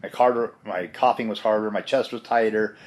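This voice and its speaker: A man with a fairly low voice talks while sick with bronchitis and a chesty cough. He sounds like a casual vlogger giving a personal update. His delivery rambles and is self-deprecating. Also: steady tone, fairly quick.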